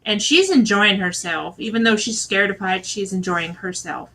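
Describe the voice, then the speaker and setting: A woman's voice: mid-range voice, moderate pace, a bit bright, low-quality recording. A woman from Michigan giving a chatty, rambling recap of a reality show, full of fillers and asides. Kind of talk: casual spoken recap. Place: at home with her husband nearby.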